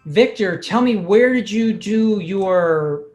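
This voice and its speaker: A man's voice: sits high, animated, slow, darkish tone, faint music behind. A man hosting a medical podcast, reading a formal introduction of his guest and then asking him questions. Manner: reads a formal list, then asks eager questions. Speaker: podcast host, physician.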